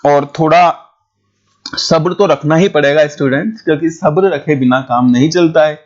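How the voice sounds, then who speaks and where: A man teaching a school biology lesson, talking quickly, repeating points and checking whether his students follow. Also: fairly high pitch. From India. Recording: dull lo-fi recording.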